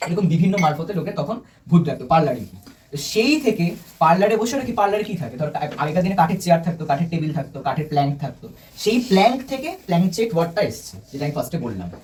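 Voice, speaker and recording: A man's voice: fairly high pitch, very animated, fast talker, a little mellow. A young man giving a casual presentation to a small group of friends, chatty, asking them questions and joking as he explains. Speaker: student presenter. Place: indoor room with a small group. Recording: distant mic with light room noise.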